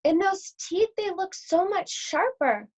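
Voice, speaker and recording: A woman's voice: very high voice, expressive, takes it slowly, darkish tone, voice pushed up, full character voice. A woman voicing a plucky, suspicious little girl in a storybook, exclaiming in an incredulous way. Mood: suspicious, amazed. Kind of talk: storybook character voice. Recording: dull, lo-fi sound.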